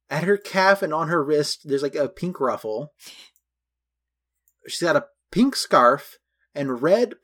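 A man co-hosting a podcast, chatting loosely about a film with a slightly higher voice than most men. He lists details one after another in a relaxed, talky way. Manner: chatty, detailed, goes through costumes item by item. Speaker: podcast co-host. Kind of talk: casual film recap chat.

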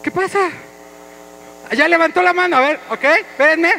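A man, pitched very high, leads his congregation with an energetic, playful voice. His tone is bright and ringing as he coaxes the crowd along. A faint hum sits under the church sound. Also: moderate pace, gravelly, poor audio. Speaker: pastor. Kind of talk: interactive church sermon. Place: church hall.

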